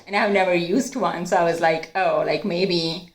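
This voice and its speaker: A woman from Pakistan, a guest in a casual chat, talking in a relaxed way with many "like"s and easy laughter. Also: lowish voice, moderate pace, reverberant. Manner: relaxed, laughs easily, says "like" a lot.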